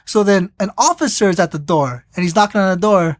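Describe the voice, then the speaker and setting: A podcast co-host in casual chat, recapping a movie in a rambling, animated way and acting out the characters' lines. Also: mid-range voice, fairly quick, no room sound, clean studio sound. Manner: animated storyteller, acts out quotes; rambling with restarts.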